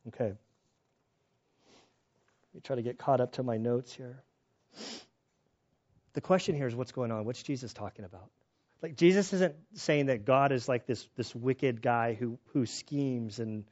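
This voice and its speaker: A man's voice: mid-range voice, a little slow, long pauses, a little mellow, muffled recording. A man preaching a sermon in a conversational way, mixing Scripture reading with stories and restarts. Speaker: pastor.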